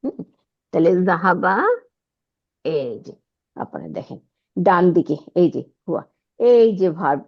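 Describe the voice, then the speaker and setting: A woman's voice: fairly low pitch, expressive, measured pace, long pauses. A woman teaching Arabic grammar, explaining step by step and often asking her students whether they follow. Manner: checks understanding with frequent rhetorical questions. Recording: dull lo-fi audio.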